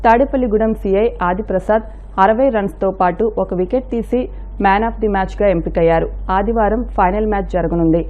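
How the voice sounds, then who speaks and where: Quick woman newsreader, scripted report, tinny phone-like sound. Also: medium pitch. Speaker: news reader. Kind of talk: scripted news narration. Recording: thin, phone-like narrow-band audio.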